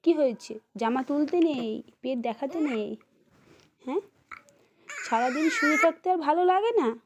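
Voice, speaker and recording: A woman's voice: high voice, expressive, a little slow. A young woman, a mother and vlogger, doing baby talk to her infant son in sing-song, coaxing questions. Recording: loud background noise.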